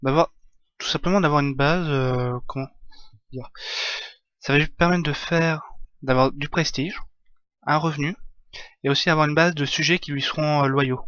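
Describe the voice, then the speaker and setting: A man streaming a strategy game live, explaining his moves in a halting way full of fillers. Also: on the high side, fairly even intonation, fairly bright tone, dry recording, highs cut off. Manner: hesitant, many fillers, halting English.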